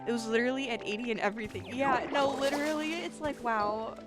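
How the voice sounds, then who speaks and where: A woman's voice: a little high, quick pace. A woman streamer chatting casually and profanely with her viewers, laughing often. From South Florida. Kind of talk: casual livestream chat with viewers. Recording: loud background music. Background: loud music.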